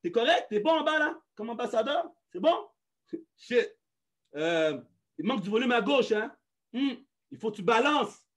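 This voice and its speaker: Brief: high, bright man with a faded Quebec accent, team leader pushing hard, mixes in English. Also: expressive, normal speed. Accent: faded Quebec French. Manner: mixes English phrases, urging and pleading; swearing, emphatic. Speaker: network marketing leader. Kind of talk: live motivational call.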